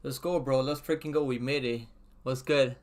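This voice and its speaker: A man's voice: medium pitch, steady tone, moderate pace, darkish tone. A man hosting a casual sports livestream, talking in gym-bro slang with constant "bro" and easy swearing. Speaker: livestream host. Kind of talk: casual livestream chat and fight preview.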